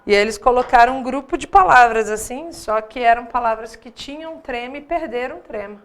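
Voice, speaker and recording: A woman's voice: fairly high pitch, a little fast, fairly bright tone. A woman with a Brazilian accent teaching a live online grammar class, in a conversational manner with many rhetorical questions. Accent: Brazilian Portuguese. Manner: conversational, asks rhetorical "né?" often.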